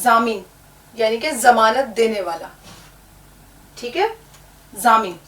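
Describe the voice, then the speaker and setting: High-voiced woman teaching Urdu letters. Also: takes it slowly, pushed and bright, slight background noise. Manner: patient, spells out letters one by one. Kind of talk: language lesson. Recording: echoey room, distant mic.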